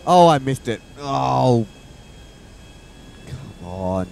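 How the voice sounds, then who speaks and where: A man's voice: medium pitch, drawn-out words, gravelly. A man, hosting a racing game session and keeping up a string of yelps and exclamations. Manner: keeps yelping 'oh' and cheering. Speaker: channel host playing a racing game. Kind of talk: casual gaming banter. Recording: steady game noise behind.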